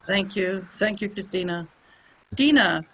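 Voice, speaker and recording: A woman who presides over an association, opening and hosting a webinar on a video call in a relaxed, friendly way with frequent fillers. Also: medium pitch, measured pace, slight background noise.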